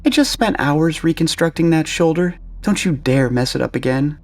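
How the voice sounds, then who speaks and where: A man voicing a brisk, sharp-tongued female military doctor in a storybook narration. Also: medium pitch, fairly even intonation, pitched above the performer's own voice, natural voice. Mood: scolding. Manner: scolding, blunt.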